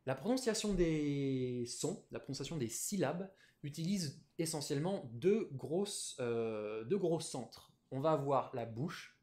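A man's voice: a little high, expressive, a little slow, few pauses, a little mellow. A man teaching a Japanese lesson on a live stream, explaining patiently with many fillers.

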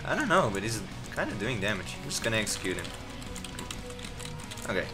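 Guy doing live gameplay commentary, bouncy pitch, lots of ums and restarts, faint game music behind. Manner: rambling, full of fillers and restarts; quick excited reactions to the action.

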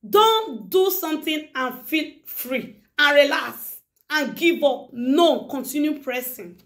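High-voiced woman preaching to her viewers. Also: lively intonation, takes it slowly. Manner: emphatic and preachy, repeats phrases. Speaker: YouTuber addressing her viewers. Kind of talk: casual monologue to camera.

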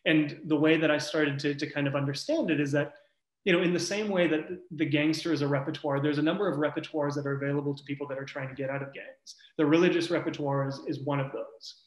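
A man discusses his research on an academic panel, speaking quickly in a slightly high, flat voice. Thoughtful and loose in manner, he frequently hunts for the right words, and the recording has a roomy echo.

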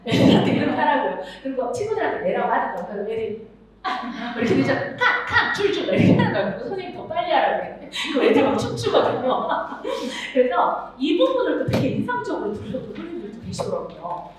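A middle-aged woman teaching music to teachers at a seminar, animated, acting out voices and singing examples. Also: high-pitched, fast talker, crowd noise. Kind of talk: lively seminar lecture to teachers. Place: large lecture hall with audience. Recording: echoey hall, speaker far off, audience noise.

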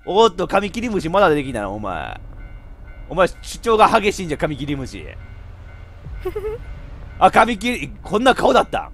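High, lively man shouting through a horror game. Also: moderate pace, pauses often, faint music behind. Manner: joking running commentary, teasing the game; sudden shouted reactions. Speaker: VTuber game streamer. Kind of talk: horror game let's-play commentary.

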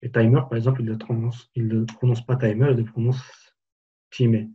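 A man giving a live software tutorial webinar, casually explaining each step as he clicks through it. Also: mid-range voice, little pitch movement, fast talker, slightly rough, muffled recording. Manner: casual, explanatory, walks through steps on screen. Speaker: software trainer.

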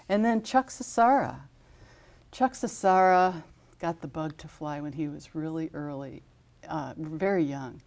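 A deep, warm-toned woman's voice belongs to an American in her fifties from an aviation safety foundation. Interviewed in a television studio, she lists honorees steadily and informatively, with fillers cropping up often.

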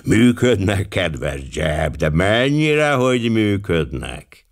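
A shrewd, fussy older detective, as a male audiobook reader puts him on, speaking in a lower voice with precise, gently ironic phrasing. His pitch swings a lot from line to line, and he stays dry and knowing. It is a storybook reading. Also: sing-song. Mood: wry.

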